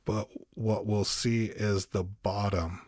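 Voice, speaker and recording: A man giving a calm step-by-step software tutorial as host, with frequent ums. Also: fairly low pitch, slow pace, dry recording, clean studio sound. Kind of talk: screen-recorded software tutorial.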